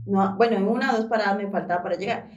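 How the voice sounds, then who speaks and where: A woman's voice: mid-range voice, racing, a little mellow, muffled recording. A woman, co-hosting a podcast and telling stories in a playful, giggly casual chat. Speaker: podcast co-host. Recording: roomy echo, voice far from mic.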